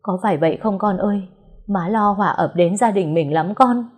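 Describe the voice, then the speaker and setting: A woman's voice: medium pitch, moderate pace, a little mellow, slightly rough, close to an everyday voice. A woman voicing a frightened, superstitious old mistress of a rich household. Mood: alarmed. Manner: panicky, superstitious.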